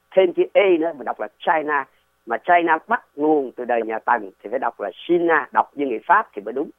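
A man's voice: fairly high pitch, no room sound. A man, a guest explaining history in a casual, digressive way and often asking rhetorical questions. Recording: tinny dry phone line.

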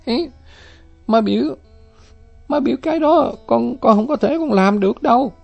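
A man's voice: extremely high pitch, animated, vocal fry, a little mellow, highs cut off, soft background music, pitched above the performer's own voice, exaggerated voice. A man voicing a weary, heartbroken young woman who speaks hesitantly. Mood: reluctant. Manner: hesitant, halting, stammers.

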